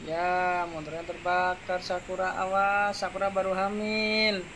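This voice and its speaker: A man giving excited, exclamation-filled commentary over a game, repeating his lines often. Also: sits high, a little slow, slight background noise, poor audio. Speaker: gaming YouTuber.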